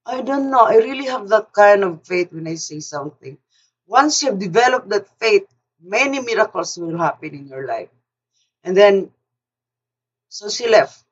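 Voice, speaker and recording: A woman's voice: medium pitch, animated. Older woman telling a story, distant and dull. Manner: halting, repeats words and restarts often. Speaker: speaker sharing a personal story. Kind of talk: casual storytelling. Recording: distant mic, dull lo-fi sound.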